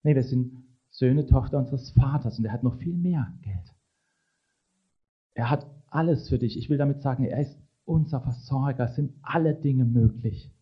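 A man preaching a sermon in a conversational way, often checking in with the congregation with quick tag questions. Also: medium pitch, husky, dull audio.

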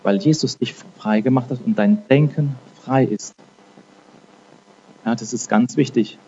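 Man preaching casually, dark voice. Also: medium pitch, a little slow, muffled recording, slight background noise. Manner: conversational, frequent "ne?" tags; repeats and restarts words. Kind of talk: informal sermon with prayer.

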